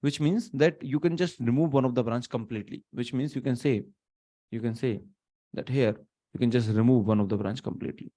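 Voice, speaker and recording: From a small room, an Indian man in his thirties teaches online at a fairly quick clip, his ordinary middle-pitched voice switching between English and Hindi. He works things out aloud, stopping and restarting with plenty of fillers. The audio comes from a webcam setup placed not close.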